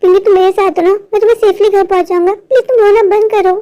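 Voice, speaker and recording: A performer voicing a stubborn but protective young boy in an animated cartoon, speaking in a reassuring, insistent way. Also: very high voice, quick pace, lo-fi sound.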